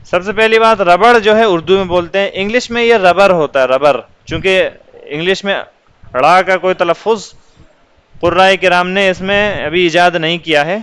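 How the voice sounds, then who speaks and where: A man's voice: high-pitched, a bit bright, smooth, dry recording, low-quality recording. A male teacher patiently explaining English words for children, asking questions and answering them himself.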